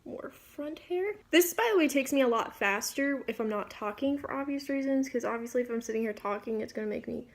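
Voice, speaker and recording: Female beauty vlogger, higher register, casual rambling makeup-tutorial chat. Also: fairly quick, few pauses. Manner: informal, rambling, self-interrupting asides.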